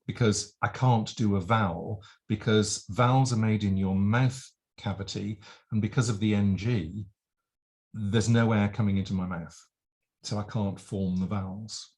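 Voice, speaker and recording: A man's voice: fairly low pitch, fairly even intonation, unhurried, a little mellow. Man explaining vocal technique. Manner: explanatory, demonstrates sounds with nose pinch. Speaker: vocal coach. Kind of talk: vocal demonstration lesson.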